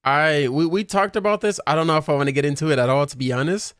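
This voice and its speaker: Chatty man of thirty, slightly high voice. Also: fairly bright tone, clear, resonant tone, dry recording, studio quality. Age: 30s. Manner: chatty, self-deprecating, quick asides. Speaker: podcast co-host. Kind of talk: casual chat.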